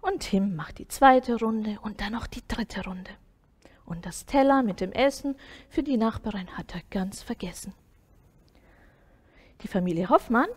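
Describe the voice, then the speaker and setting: Breathy woman reading a kids' bible class story, gets real quiet and whispery a lot. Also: mid-range voice. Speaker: Sunday school storyteller. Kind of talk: reading a children's story aloud.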